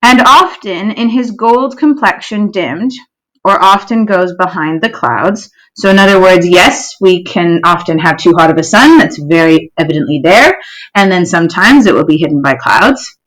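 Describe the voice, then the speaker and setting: A woman teacher giving a recorded poetry lesson to pupils, explaining clearly and patiently, often checking in with "okay?" and reading verse slowly. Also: fairly low pitch, animated, a bit bright, rough recording. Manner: reads verse slowly, stressing syllables.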